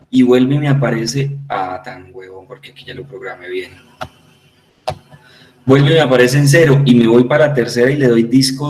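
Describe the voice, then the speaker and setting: A man's voice: medium pitch, a little mellow, roomy sound, rough recording. A man with a Colombian Spanish accent teaching a class online, patiently repeating points and checking that his students understand.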